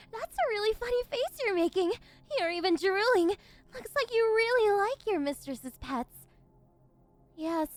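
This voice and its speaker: A woman's voice: sits high, a little mellow, heavily acted. A woman playing a possessive, unhinged yandere villainess in an ASMR role-play, cooing and teasing condescendingly as she domineers over her captive.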